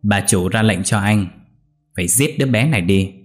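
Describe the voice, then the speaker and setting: A man's voice: on the low side, normal speed, close to an everyday voice. A man voicing a scheming young maid who mocks her former sweetheart. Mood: mocking. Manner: mocking, clear ringing voice.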